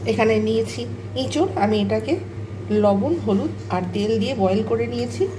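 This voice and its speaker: Hoarse woman explaining a home recipe. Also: fairly high pitch, moderate pace. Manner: explains each ingredient step by step. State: hoarse from a cold. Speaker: cooking channel host. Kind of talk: casual cooking demonstration. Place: home kitchen, cooking at the stove. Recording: noisy kitchen with frying sizzle.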